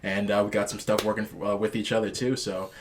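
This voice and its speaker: A man's voice: on the low side, flat delivery, fairly quick, slight background noise. A man in his twenties hosting a casual podcast chat with friends in an enthusiastic way, often repeating his phrases. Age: 20s. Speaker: podcast host.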